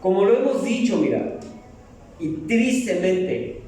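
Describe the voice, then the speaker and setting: A man's voice: high voice, animated, slow, dark tone, recorded from a distance. A middle-aged man preaching a sermon in a church, joking and asking the congregation questions. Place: church hall. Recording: echoey hall, mic from afar.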